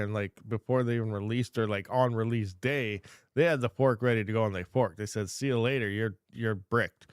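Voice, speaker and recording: A man's voice: medium pitch, smooth, no echo, clean studio sound. A man hosting a casual livestream Q&A, rambling and reading chat questions aloud from a home desk. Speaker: crypto mining channel host.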